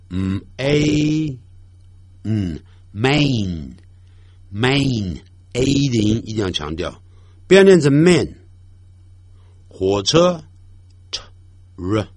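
An older man teaching English pronunciation in a lesson, slowly drawing out each word he demonstrates. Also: on the low side, no room sound, studio quality. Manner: slow, drawn-out demonstrations of English words.

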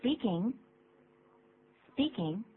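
A woman from the United States, a native English speaker, co-hosting a radio English lesson and calmly modeling phrases. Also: medium pitch, extremely slow. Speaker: co-host, English teacher. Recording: tinny lo-fi radio broadcast with faint hum.

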